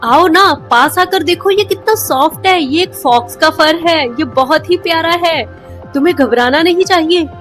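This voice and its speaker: A woman's voice: extremely high pitch, normal speed, faint music behind, voice pushed up. A woman voicing a pushy male fur shopkeeper who coaxes and pleads with a customer. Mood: coaxing. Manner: coaxing, then pleading loudly.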